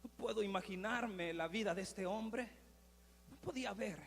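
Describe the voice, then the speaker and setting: A male pastor preaches dramatically in a high, bright, gravelly voice. He moves from hushed asides to loud cries. His voice carries a long reverb in a church hall. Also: moderate pace, slight background noise. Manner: dramatic, swinging from hushed to shouting. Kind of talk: sermon.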